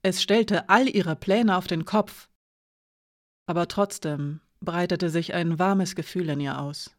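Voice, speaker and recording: In a measured, steady way, a narrator reads a fantasy novel for an audiobook. The voice is mid-pitched and even, and the recording is close and dry.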